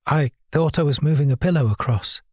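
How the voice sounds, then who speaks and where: A male narrator puts on a young woman on the edge of tears, her voice lifted and breathy with a husky grain. She pleads and apologises in a dry, close-up audiobook read, sounding fragile and desperate. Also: fairly high pitch, fairly quick, no room sound, pitched above the performer's own voice. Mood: tearful pleading. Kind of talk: audiobook reading.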